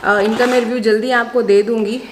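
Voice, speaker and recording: A woman chatting casually through a beauty product haul, mixing in English phrases and pausing often with filler sounds. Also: a little high, steady tone, background noise. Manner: mixes Hindi and English, many filler sounds. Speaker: beauty vlogger.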